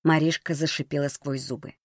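Steady male audiobook narrator. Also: fairly high pitch, fairly quick, dry recording, studio quality.

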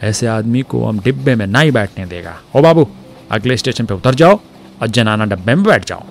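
A man voicing a boastful, mocking Pathan man who taunts loudly in broken speech. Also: medium pitch, expressive, normal speed, vocal fry, slight background noise.

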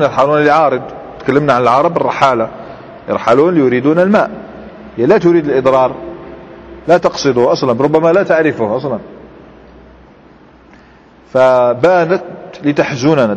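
Husky-voiced man teaching grammar in a hall. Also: medium pitch. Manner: explains step by step, quizzes students, mixes dialect with formal Arabic. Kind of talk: classroom grammar lesson. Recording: dull lo-fi recording in a large reverberant hall.

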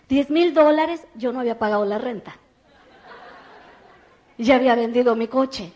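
A woman giving a lively motivational testimony, acting out the voices of the people she quotes. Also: on the high side. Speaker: network marketing speaker.

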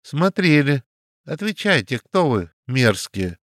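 A man voicing a rude, brash French police commissar who shouts insults at strangers. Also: medium pitch, big pitch swings, slow, no echo, studio quality, voice pushed up, heavily acted. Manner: shouting, insolent.

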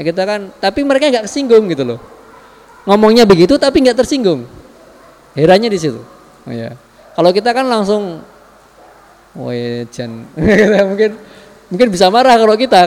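A male Islamic preacher, his voice set a little higher than most men's. He recites Arabic text and then unpacks it in a casual, conversational tone, speaking straight to the listeners. A long hall reverb trails after his words. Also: a little mellow. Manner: reads Arabic text then explains it casually, chatting with the audience. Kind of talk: religious study lecture.

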